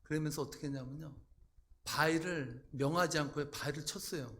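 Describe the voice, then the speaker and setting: A man preaching a sermon as pastor, acting out quoted voices with sudden loud outbursts. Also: a little high, fairly quick.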